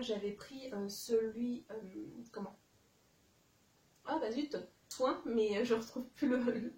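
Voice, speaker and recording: A woman with a warm, medium-pitched voice talks straight to her viewers in a casual YouTube haul vlog, chatty yet hesitant, with lots of fillers and restarts. She's in a dimly lit room at home, and the low-quality recording sounds reverberant through a distant mic.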